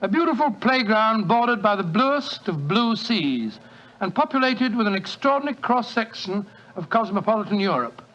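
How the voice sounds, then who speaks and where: An actor playing a genial elderly doctor, Watson, telling a story in bluff, old-fashioned 1940s radio style. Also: male voice, high voice, big pitch swings, normal speed, fairly bright tone. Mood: storytelling. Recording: dull lo-fi 1940s radio recording.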